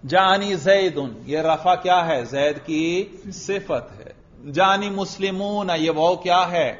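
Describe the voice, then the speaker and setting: A man teaching grammar in a classroom lecture. He keeps asking his students questions, answers them himself, and slowly chants example phrases. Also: sits high, slight background noise. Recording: dull lo-fi recording.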